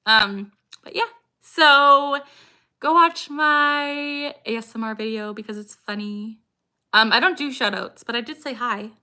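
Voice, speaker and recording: Reading questions from chat, a young livestreamer keeps her casual Q&A upbeat, speaking at a measured pace in a clean, bright voice pitched a little high. Frequent laughter fills the chat, and sudden vocal tics interrupt her sentences.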